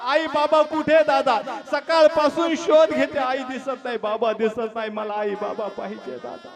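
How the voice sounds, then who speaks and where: A man's voice: extremely high pitch, fairly even intonation, measured pace, voice pushed up. A man voicing a pleading, tearful little five-year-old girl searching for her parents.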